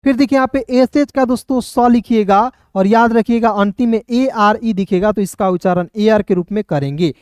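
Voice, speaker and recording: A man's voice: high-pitched, normal speed, few pauses, a little mellow, smooth, no room sound, clean studio sound. A man giving a recorded video lesson as a reading teacher, spelling words out letter by letter and patiently repeating filler phrases. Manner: patient and repetitive, often adding filler phrases. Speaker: English teacher.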